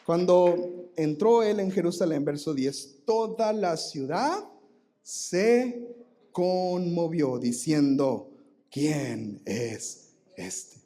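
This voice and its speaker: Animated Mexican pastor, mellow voice. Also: male voice, high voice, takes it slowly. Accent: Mexican Spanish. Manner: animated, leads the congregation to read aloud and shout. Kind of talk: live sermon. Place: church sanctuary.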